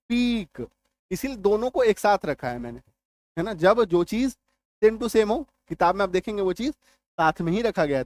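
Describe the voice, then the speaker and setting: A man giving a spoken English spelling lesson, drilling words aloud and checking whether his students understand. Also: high-pitched. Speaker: English teacher.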